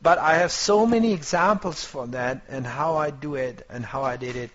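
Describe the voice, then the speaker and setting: Speaking at normal speed in a fairly high voice, a trading instructor delivers an online course lecture. He motivates his students as he coaches them, frequently groping for words, and the sound is dull and compressed lo-fi.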